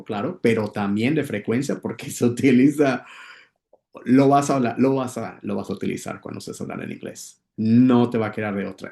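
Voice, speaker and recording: A man teaching English in a casual video lesson, often checking in with his viewers and repeating words slowly so they can practice. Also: fairly low pitch, gravelly, darkish tone, roomy sound. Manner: addresses viewers as "muchachos", checks in with "ok?".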